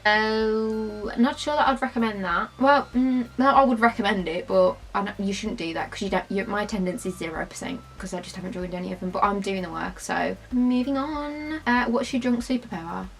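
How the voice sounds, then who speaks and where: A woman's voice: mid-range voice, brisk, vocal fry, few pauses, soft background music, low-quality recording. A tipsy young British woman chatting casually and bluntly to camera in an informal question-and-answer style. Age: young adult. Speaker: vlogger.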